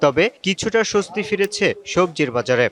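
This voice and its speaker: Guy doing a news report, kinda higher voice, steady and formal. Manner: measured, formal delivery. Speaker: field reporter.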